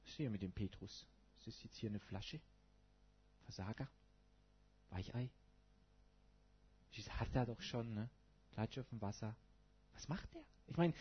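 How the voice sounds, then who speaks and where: Male pastor giving a sermon in a casual tone, with an animated, husky voice on a dull lo-fi recording. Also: medium pitch, moderate pace, pauses often. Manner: colloquial, asks the congregation rhetorical questions.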